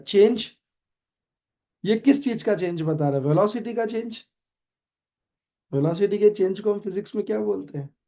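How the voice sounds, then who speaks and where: A man with an Indian accent teaching physics online, quizzing students with quick questions and switching between Hindi and English. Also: sits high, dark tone. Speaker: physics tutor. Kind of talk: online classroom lecture.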